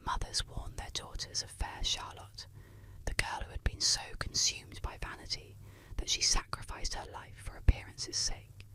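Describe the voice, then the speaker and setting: Woman whispering close in ASMR storytelling. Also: moderate pace. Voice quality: soft unvoiced whisper. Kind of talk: whispered ASMR narration of eerie legends. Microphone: close ASMR microphone.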